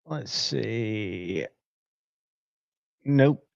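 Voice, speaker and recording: A man's voice: on the low side, lively intonation, very slow, vocal fry, a little mellow, no echo, highs cut off. A man hosting a casual live stream, rambling and talking to himself as he checks his screens. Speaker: livestream host.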